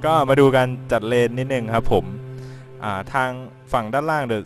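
A man's voice: medium pitch, normal speed, faint music behind. A man casually commentating a live game broadcast, laughing easily and giving viewers tips. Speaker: esports commentator.

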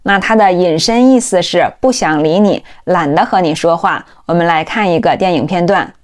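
A woman teaching English vocabulary, who explains step by step and says each word slowly several times over. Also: lowish voice. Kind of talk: vocabulary lesson.

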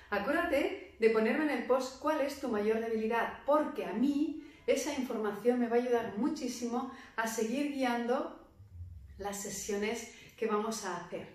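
Calm woman teaching meditation in an echoey room. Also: fairly high pitch. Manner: calm, measured, speaks with slow emphatic pauses. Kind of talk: guided meditation talk. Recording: very echoey room, voice far from mic.

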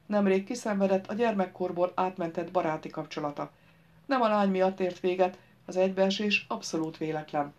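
Woman audiobook narrator, low register, measured storytelling delivery, dull lo-fi sound. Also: darkish tone. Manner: measured storytelling, voicing characters in dialogue.

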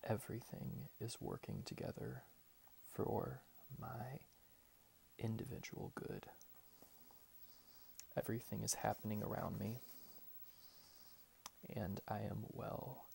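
A man in his twenties gives a soft, whispered ASMR pep talk in a hushed, deliberate manner with long pauses. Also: on the low side, steady tone, vocal fry, slight background noise. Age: 20s. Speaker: ASMR creator reading positive affirmations. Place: small bedroom at home, indoors.

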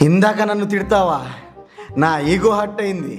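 A young man in a comedy sketch pleads and wheedles his way along. His voice sits very high, and music plays steadily under his lines. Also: moderate pace. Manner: pleading and sheepish. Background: background music.

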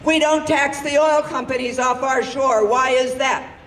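A woman's voice: high voice, steady tone, unhurried, a bit bright, roomy sound. Impassioned woman speaking at an outdoor rally. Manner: impassioned, rousing oratory. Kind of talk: protest speech. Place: outdoor campus lawn rally. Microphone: handheld mic through a PA speaker. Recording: distant PA sound outdoors with noise.

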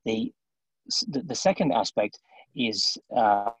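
A man presenting remotely over a video call whose degrading stream drops out, speaking in a halting way with many restarts. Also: mid-range voice, big pitch swings, husky, no echo, low-quality recording. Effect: degrading stream audio that drops out. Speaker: remote presenter at an investor briefing. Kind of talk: formal briefing talk.

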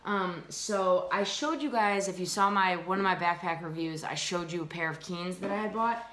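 A woman's voice: on the low side, moderate pace, a bit bright. A young woman from the United States in a casual, upbeat gear review, talking chattily with frequent ums, recorded indoors on a laptop camera mic. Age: young adult. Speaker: vlogger reviewing hiking gear. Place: small room indoors at a table.

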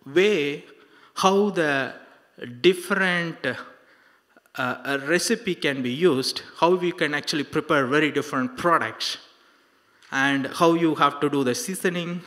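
On a stage in a large indoor hall, a middle-aged preacher tells a life story to a youth service, speaking haltingly with repetitions and rhetorical questions. His voice sits on the high side and is a bit bright. He holds a handheld microphone close, and the hall adds reverb.

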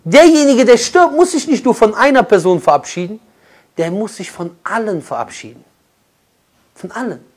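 A man preaching a sermon with passion, speaking straight to his listeners as brother and sister and swinging from loud urging to hushed, quiet lines. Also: high voice, expressive, normal speed.

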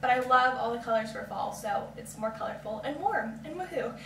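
A woman's voice: fairly high pitch, animated, a little fast, a bit bright, slight background noise. A nineteen-year-old woman chatting casually in a vlog from home, full of fillers. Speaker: vlogger. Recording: echoey room, mic far off.

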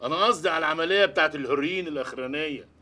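An actor with an Egyptian accent playing a curt, threatening gangster boss in a comedy series. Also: male voice, fairly high pitch, rapid-fire, heavy background noise, lightly acted. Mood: menacing. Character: menacing male gangster boss, gruff and commanding.

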